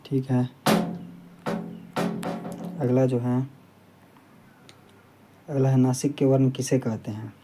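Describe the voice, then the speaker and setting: A man's voice: medium pitch, slow pace, long pauses, over music. A man teaching a grammar lesson to students, explaining steadily and repeating key points so they stick. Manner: plain, steady explaining with frequent "ठीक है". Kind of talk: classroom lesson.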